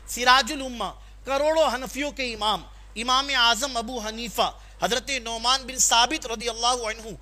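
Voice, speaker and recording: A man preaches to a congregation in an extremely high, bright and forceful voice. He exhorts them, poses questions and calls for responses, and weaves in personal anecdotes told conversationally.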